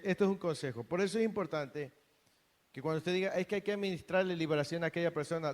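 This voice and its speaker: A man preaching a sermon in a church hall, earnest, often repeating and restarting words. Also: fairly high pitch. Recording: long reverb of a hall.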